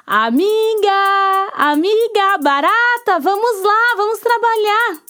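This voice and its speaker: A woman's voice: extremely high pitch, takes it slowly, sharp tone, soft background music, pitched above the performer's own voice, exaggerated voice. A woman voicing a cheerful, hardworking female hen who eagerly calls on her friend.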